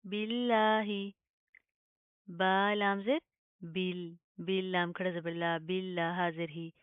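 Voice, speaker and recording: A woman's voice: on the low side, little pitch movement, unhurried, smooth, no echo. Patient female tajweed teacher, phone-thin sound. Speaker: Quran recitation teacher. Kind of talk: tajweed lesson. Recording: dry, phone-like narrow sound.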